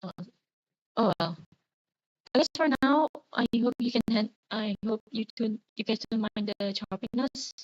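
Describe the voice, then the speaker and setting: A woman's voice: fairly high pitch, moderate pace, no echo. A woman streamer giving a presentation in casual, rambling livestream chat, her audio choppy over a bad connection. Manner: rambling, self-correcting. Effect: choppy, dull livestream audio over a bad connection. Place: at home. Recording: dull lo-fi stream audio, dry.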